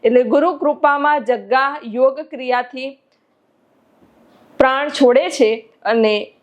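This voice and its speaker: A woman's voice: high voice, slow. A woman spiritual teacher telling a devotional story in an earnest, emotive way. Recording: dull lo-fi recording.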